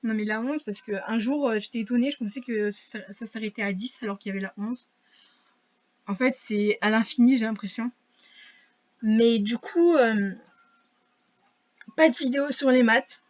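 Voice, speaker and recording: A woman's voice: fairly high pitch, normal speed, long pauses, darkish tone, lo-fi sound. A teenage girl chatting casually to camera, rambling and poking fun at herself with many fillers and restarts. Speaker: vlogger.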